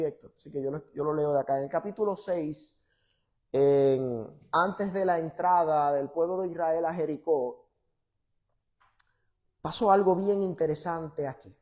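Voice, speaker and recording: A male pastor delivers a fervent sermon to a church congregation. He reads scripture with loud, emphatic force, then drops to quiet, teasing asides with the crowd. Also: a little high, moderate pace.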